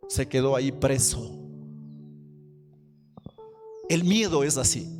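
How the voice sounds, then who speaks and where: A man preaching a sermon as pastor, slow and emphatic, asking the congregation questions. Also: high voice, in a large hall. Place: church hall.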